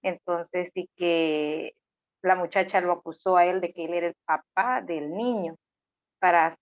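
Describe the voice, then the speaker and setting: A woman guest speaking slowly and reflectively, with fillers. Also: fairly low pitch, dry recording. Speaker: panel guest. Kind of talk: personal testimony. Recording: dry muffled lo-fi audio.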